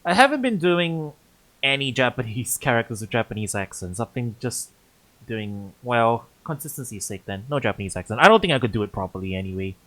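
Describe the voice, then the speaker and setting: A man's voice: medium pitch, expressive, a little fast, a bit bright. A man casually commentating a story game on stream, thinking aloud and often restarting his sentences. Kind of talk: casual let's-play commentary.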